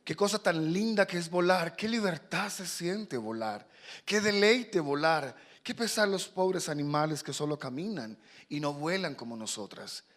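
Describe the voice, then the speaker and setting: A pastor voicing a greedy, excited young male swallow in a sermon story. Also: a little high, measured pace, voice pushed up. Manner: excited, boastful, chirpy.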